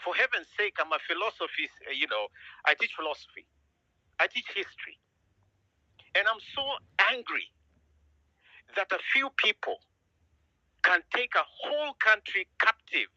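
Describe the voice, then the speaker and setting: A man's voice: high voice, bright, forceful tone, no room sound. Kenyan guy, middle-aged, fired up and earnest, dry dull lo-fi sound. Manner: earnest, emphatic, repeats lines for force. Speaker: musician and citizen speaking out. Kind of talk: impassioned speech.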